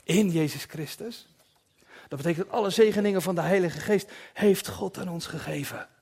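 A man preaching a sermon in a personal, confessional way, dropping to soft asides at times. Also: high voice, normal speed, vocal fry, breathy edge.

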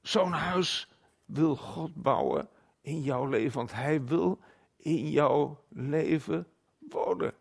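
Man, sermon, gravelly voice, very lively pitch. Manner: swings from loud declaiming to quiet, slow emphasis. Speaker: guest preacher.

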